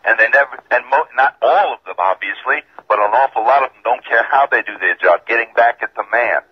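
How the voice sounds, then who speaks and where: A man from Georgia calling in to a radio show, insistent and calmly argumentative, his voice tinny and metallic over a bad phone line. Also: mid-range voice, fairly quick, husky. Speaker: caller. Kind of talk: call-in radio caller.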